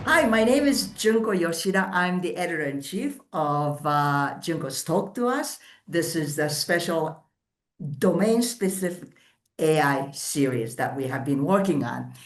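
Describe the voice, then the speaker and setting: A woman hosting an interview, introducing her guest in a chatty, lively way. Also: deep voice, measured pace, reverberant. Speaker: host, editor-in-chief.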